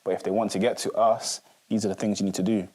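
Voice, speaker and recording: Low-voiced man in his twenties. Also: level tone, fast talker, dark tone. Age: 20s. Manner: reflective, rambling with many fillers. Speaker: podcast co-host. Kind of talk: casual discussion.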